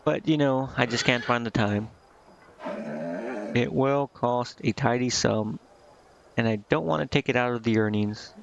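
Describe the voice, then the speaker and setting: A man reads scripted dialogue for a brash, shrewd, one-eyed and worldly tiefling shopkeeper from a fantasy game, in a plain, matter-of-fact, reminiscing way with occasional stumbles. His gravelly voice has fry at a middling male pitch, unhurried with frequent pauses. The audio sounds a little dull and lo-fi, with a crowd in the background.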